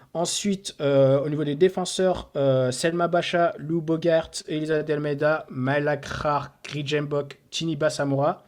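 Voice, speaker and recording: A man co-hosting a football podcast, reading out a squad list with many hesitant filler pauses. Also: a little high. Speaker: podcast co-host. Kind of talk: casual sports podcast talk.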